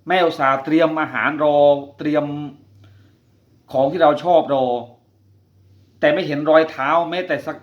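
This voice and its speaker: A man's voice: fairly high pitch, fairly even intonation, normal speed, long pauses. A man hosting a talk about quitting gambling, telling a personal story in an earnest, confiding way and putting direct questions to the listener. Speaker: podcast host speaking on quitting gambling. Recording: roomy, dull lo-fi sound.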